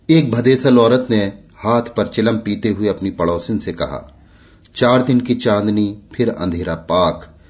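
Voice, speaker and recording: A man reading a classic Hindi short story aloud in a measured, literary way. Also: fairly low pitch, a little mellow. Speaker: audiobook narrator. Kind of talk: scripted story narration.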